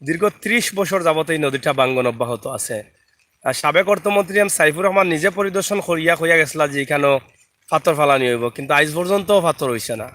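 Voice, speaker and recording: A man's voice: on the high side, animated, fast, sharp tone. A man with a Sylheti accent chatting live to viewers from a riverside village, greeting them by name. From Bangladesh. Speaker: vlogger. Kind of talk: live video chat while filming outdoors.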